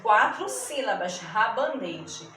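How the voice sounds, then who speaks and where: A woman teacher speaks slowly and patiently, drawing out each syllable for young learners. Her voice sits a little high and sounds distant from the mic. An echoey room and steady background noise surround her. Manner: slow, drawn-out syllables, checks in with "tá bom?". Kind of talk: classroom lesson for children.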